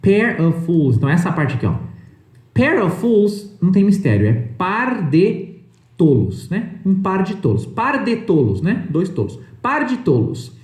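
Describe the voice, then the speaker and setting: A male English teacher gives a lesson in an animated, swooping voice that sits a little high yet sounds mellow and dark. He explains step by step and keeps checking that the viewer follows. The room around him is noticeably echoey. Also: moderate pace. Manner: didactic, repeats points and checks in with "né" and "tá".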